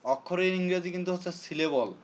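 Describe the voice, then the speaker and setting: A man's voice: high voice, fast, lo-fi sound. A man teaching a classroom lesson who repeats his points and quizzes his students. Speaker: English teacher. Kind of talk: classroom lecture.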